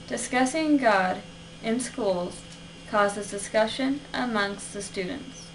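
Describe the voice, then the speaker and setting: Young woman, student, earnest and orderly in a persuasive class speech, mid pitch, camera across the room. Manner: earnest, structured delivery. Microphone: camera at a distance. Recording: distant camera with faint hiss.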